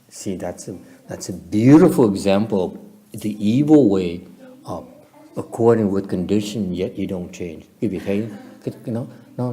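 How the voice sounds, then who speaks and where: A man with a lowish, mellow voice delivers a dharma lecture at a meditation retreat. He moves back and forth between English and Vietnamese and chuckles often as he teaches. The tone stays warm and relaxed. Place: temple lecture hall.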